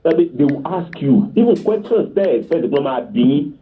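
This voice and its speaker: A man's voice: on the high side, expressive, brisk. A man with a Yoruba accent gives an earnest teaching talk as a guest on parenting. He tells anecdotes and often checks that his listener is following. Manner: earnest, instructive, often asks the listener to confirm. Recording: phone-like narrow line.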